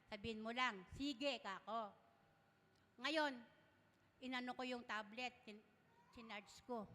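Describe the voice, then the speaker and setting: High bright woman giving testimony. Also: long reverb tail. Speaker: church member giving testimony. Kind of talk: emotional personal testimony. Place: church.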